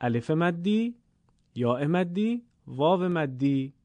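Teaching the lengths of Quranic Arabic vowels as if in a classroom, this man speaks with a Persian accent in a slightly high, darkish voice with lively intonation. The recording is dry, and he patiently repeats and draws out each sound deliberately.

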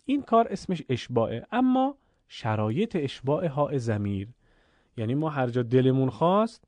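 A man teaching Quran recitation, explaining rules clearly and then chanting the examples slowly and drawn out. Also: mid-range voice, a little mellow, no echo. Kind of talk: recorded recitation lesson.

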